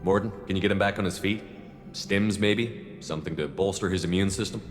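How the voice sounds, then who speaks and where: A man's voice: low voice, brisk, natural voice. A man voicing a tough, blunt military commander in a video game, direct and commanding. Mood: firm. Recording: reverberant hall, faint music behind. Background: faint music.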